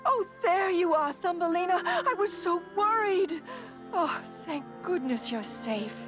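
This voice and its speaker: A protective, motherly cartoon guardian, tender but fretful. Her voice sits high, and music plays clearly behind her. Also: lively intonation, unhurried. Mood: worried, relieved. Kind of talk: animated cartoon character acting.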